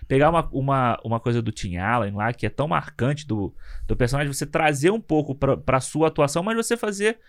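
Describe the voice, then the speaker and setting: A man's voice: mid-range voice, lively intonation, brisk, few pauses, no echo, studio quality. A man chatting casually about films in an emphatic, slangy way, often checking in with his listener. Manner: emphatic, slangy, keeps asking "sabe?". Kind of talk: casual film discussion.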